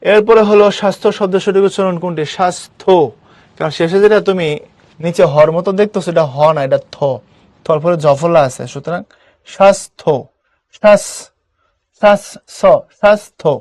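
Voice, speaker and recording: A young male teacher who walks through each point step by step and repeats key words over and over as a drill. His voice sits a little high for a man, and the close mic gives a dry, deadened sound with no room echo. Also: fast, darkish tone. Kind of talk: online class lecture.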